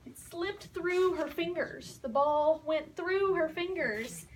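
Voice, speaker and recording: Brief: patient woman teacher, high voice, very slow pace, mic set back with a faint hiss. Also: recorded from a distance. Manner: patient, repeats and explains words. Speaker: English teacher telling a story. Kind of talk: slow story retelling with word explanations.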